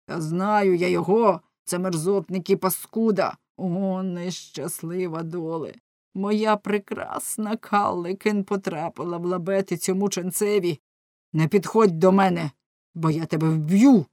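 Woman reads a jealous grown husband, loud and ranting, in a dry close storybook read. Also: on the low side, fairly even intonation, a little slow, no echo. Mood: furious. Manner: loud, ranting, anguished outbursts. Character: jealous, hot-tempered husband, grown man.

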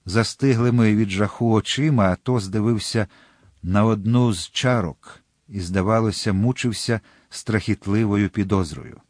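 A man narrating a classic adventure novel as an audiobook, with a measured, dramatic reading. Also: on the low side, a little mellow, no echo, clean studio sound.

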